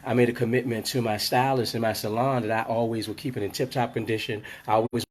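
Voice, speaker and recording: A man who is under the weather, his voice rumbling, hosts a casual motivational live stream from inside his closed hair salon, talking into a phone. He rambles and repeats himself, with many fillers. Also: little pitch movement, quick pace. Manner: rambling, repetitive pep talk with many fillers.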